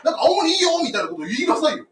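A man from Tokyo plays the straight man in a manzai routine. His voice is high and sharp, with a lively, swinging delivery. The sound is roomy and picked up from some distance. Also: very fast. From Tokyo, Japan. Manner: exasperated retorts, straight man. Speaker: stand-up comedian.

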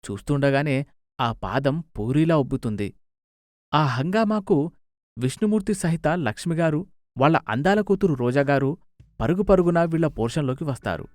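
A man narrating a scripted story, expressive and animated. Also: a little high, dry recording, studio quality.

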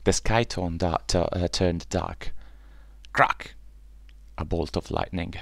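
A man reading a children's bedtime story aloud in a gentle, unhurried way. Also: deep voice, steady tone, creaky, dry recording.

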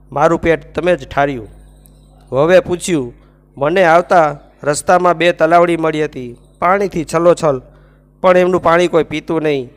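A man hosting his own channel, calmly narrating a traditional devotional story in a measured storytelling manner. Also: fairly high pitch. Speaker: religious storyteller.

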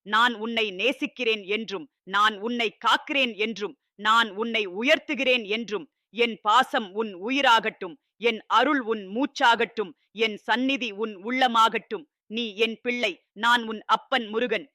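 Murugan, a man voicing a tender high-voiced god. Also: steady tone, normal speed, sharp tone, no echo, clean studio sound, full character voice. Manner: solemn, tender, repetitive reassurance. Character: loving fatherly male god addressing his child. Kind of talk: scripted devotional address.

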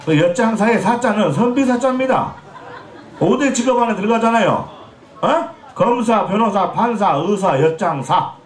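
Jeolla guy in his 40s doing pumba comedy at a festival, joking with the crowd, throat a bit scratchy, high lively voice through echoey PA. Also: moderate pace. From Jeolla, Korea. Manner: joking, teasing, chatty with the audience. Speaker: pumba street performer. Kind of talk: comic stage banter with the crowd. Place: outdoor festival stage.

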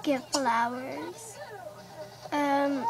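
A woman's voice: high voice, lively intonation, extremely slow, heavy background noise. A young girl chatting casually over her life-sim gameplay, rambling with lots of fillers, music playing under her voice. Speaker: gameplay narrator. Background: background music.

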